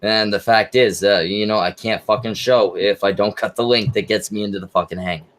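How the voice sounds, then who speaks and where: Halting, sweary man on a livestream, lowish voice. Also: steady tone, fairly bright tone. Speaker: livestream host. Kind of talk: casual livestream chat. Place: online group voice call.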